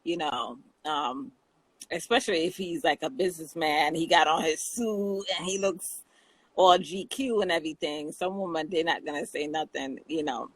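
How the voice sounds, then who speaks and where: A woman's voice: deep voice, normal speed, slightly rough, no room sound, low-quality recording. A woman with a Jamaican accent chatting casually on a talk show, laughing often and restarting her sentences. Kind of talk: casual chat.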